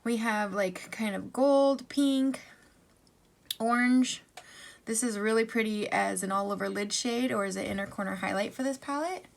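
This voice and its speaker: Casting: female beauty vlogger, bubbly makeup-tutorial chat, slightly high voice with noticeable vocal fry. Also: normal speed. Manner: gushing, bubbly, chatty asides. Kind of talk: chatty makeup tutorial, swatching eyeshadow.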